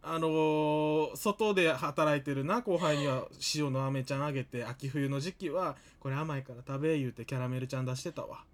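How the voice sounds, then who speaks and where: A woman's voice: low-pitched, normal speed, few pauses. A young woman with a Kansai accent, hosting a casual chat with playful, exaggerated reactions. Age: young adult. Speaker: podcast host.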